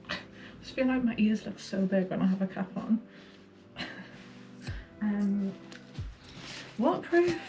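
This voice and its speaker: A woman's voice: medium pitch, a little mellow, a little hiss or hum. A woman chatting informally and self-deprecatingly to camera as a running vlogger. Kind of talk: casual chat to camera.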